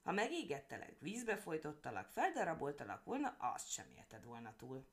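A woman's voice: sits low, wildly swooping pitch. A woman voicing a sly, gloating male fox who talks in a mocking, spiteful way.

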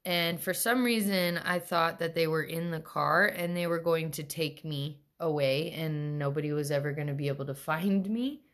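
A young adult woman, a podcast co-host, telling a personal story in casual chat, animated and full of quoted voices. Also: low-pitched, moderate pace, few pauses.

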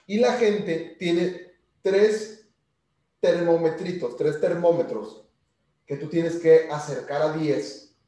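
A young man giving a lively motivational sales lesson, talking straight to the listener. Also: on the high side. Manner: animated, speaks directly to listener. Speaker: sales trainer. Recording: very echoey room, distant from mic.

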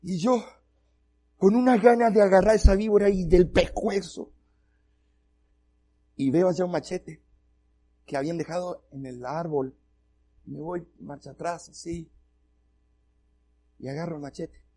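A man's voice: high-pitched, fairly even intonation, unhurried, long pauses, warm tone, husky. A male pastor telling a comic, self-mocking story during a sermon.

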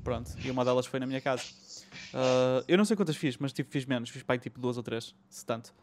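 A man's voice: mid-range voice, steady tone, fast talker, a little hiss or hum. A man with a European Portuguese accent hosting a casual chat, slangy and mixing in bits of English. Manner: colloquial, slangy, swears and mixes in English. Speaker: host. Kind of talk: casual chat about retro gaming.

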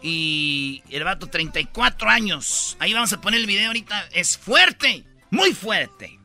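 A man's voice: high voice, very animated, measured pace, bright, forceful tone, soft background music. A man hosting a comedy radio show, telling stories rowdily with slang and sound effects. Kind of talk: joking radio banter.

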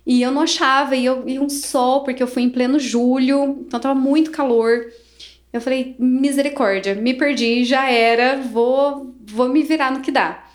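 A woman's voice: high-pitched, fairly even intonation, moderate pace. A young Brazilian woman with a Brazilian Portuguese accent, telling a travel story casually, acting out dialogue and laughing often.

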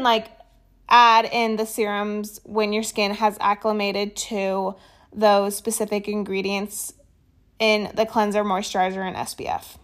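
A woman reading a skincare explainer in a steady way, with small stumbles and casual asides. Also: a little high. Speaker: skincare educator.

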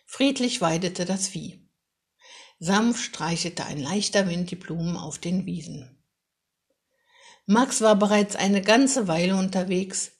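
A woman reading a children's story aloud in a calm, measured and expressive way. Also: medium pitch. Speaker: narrator.

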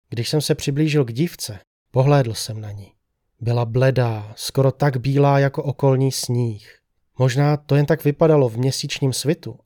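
A man tells a first-person horror story in scripted narration. His delivery stays measured and steady, his voice sits in an ordinary middle pitch, and the recording is close and dry. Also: dry recording.

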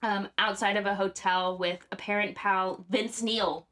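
A woman's voice: fairly even intonation, measured pace, sharp tone. Chatty woman telling stories. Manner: rambling, many fillers, bursts into high acted quotes. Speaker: podcast co-host. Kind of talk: casual chat, storytelling.

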